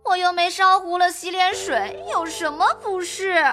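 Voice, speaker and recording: A woman's voice: high-pitched, very animated, measured pace, sharp tone, soft background music, heavily acted. An actress voicing a put-upon young maid girl who protests in a pleading tone. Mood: crying. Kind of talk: audio drama acting.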